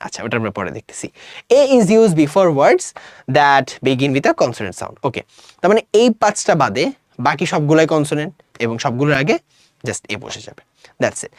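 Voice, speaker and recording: A man's voice: on the high side, no echo, clean studio sound. A man with a Bangladeshi Bengali accent teaching an online grammar lesson in a casual way, often checking if students follow. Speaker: English teacher.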